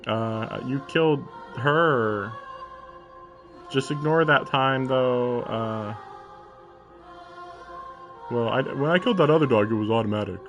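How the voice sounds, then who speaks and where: Reading a visual novel aloud on a live stream, this man hams up the drama and cuts away for sarcastic remarks that are sometimes profane, blending commentary with theatrical narration. His mid-range, fairly bright voice goes slowly with frequent pauses. The recording is muffled, with faint music behind him.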